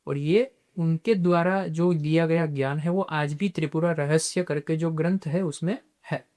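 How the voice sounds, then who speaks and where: On a podcast, a male guest explains spiritual practice in a measured, teacherly manner, slipping English terms in along the way. His pitch is slightly high for a man, and his tone is steady and somewhat mellow.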